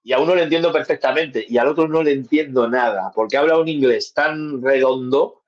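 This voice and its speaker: A man's voice: medium pitch, fairly quick. A man who is a guest in a podcast chat, laughing often and explaining at length. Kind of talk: casual chat. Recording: dull remote audio.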